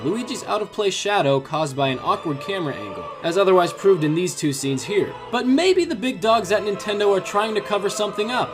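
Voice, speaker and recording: A man hosting a scripted countdown video, narrating in a theatrical, tongue-in-cheek storytelling manner. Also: sits high. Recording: music behind the voice. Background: background music.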